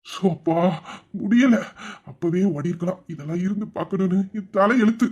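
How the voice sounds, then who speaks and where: A man's voice: high voice, normal speed, darkish tone. Sarcastic, grumbling young man. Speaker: comic sketch performer. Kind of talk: comic sketch, sarcastic asides.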